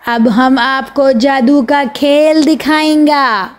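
A woman voicing a boy who plays a street magician, with slow showman patter in broken grammar. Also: sits high, steady tone, close to an everyday voice. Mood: showy.

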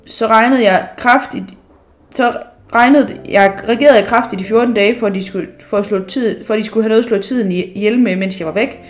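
A woman's voice: fairly high pitch, faint music behind, close to an everyday voice. A woman reading a storybook aloud, voicing a stout, boastful male sea captain who has become king of an island.

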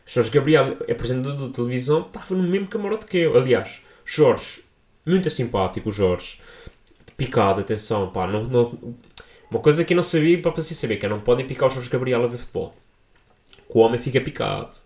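A young man with a European Portuguese accent rattling through a story for his vlog, slangy and animated, never sitting still in one tone. His voice sits at a middle pitch. The sound bounces around an echoey room. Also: a little fast. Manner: animated, slangy, jumps into high-pitched voices for quoted people. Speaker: vlogger. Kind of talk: casual storytelling.

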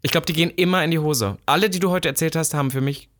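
A man's voice: fairly high pitch, rapid-fire, a bit bright. A man co-hosting a podcast in casual chat, teasing his partner with dry jabs. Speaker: podcast co-host.

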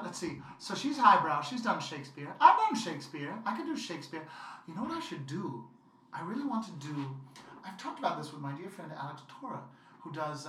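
A woman guest in a casual interview, playful and laughing, who acts out quotes loudly. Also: low-pitched, slight background noise. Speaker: guest performer. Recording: echoey room from far off.

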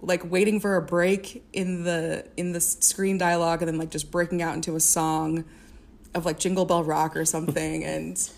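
A woman's voice: fairly low pitch, little pitch movement, normal speed, creaky, darkish tone. A young woman from the American Midwest, a singer and music therapist, chatting as a podcast guest with many fillers and restarts. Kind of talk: casual interview.

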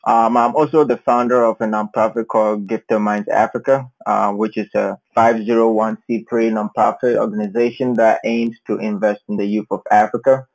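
A man's voice: on the low side, little pitch movement, normal speed, creaky, few pauses, rough recording. Thoughtful male guest. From Ghana. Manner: thoughtful, with frequent hesitations. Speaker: interview guest. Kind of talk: casual interview.

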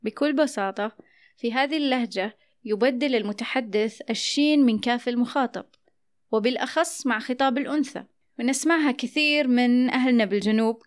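A woman hosting an educational podcast, reading a measured, scripted narration and slowing down to spell out examples. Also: on the high side. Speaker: podcast host.

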